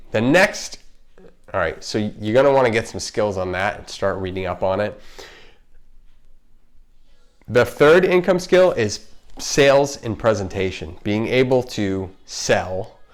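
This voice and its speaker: A man's voice: fairly low pitch, animated, slow pace, pauses often. A man with a slight lisp from wearing retainers, chatting casually and emphatically as he hosts an unscripted explainer vlog, often interrupting himself. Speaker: video host, marketer. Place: home kitchen.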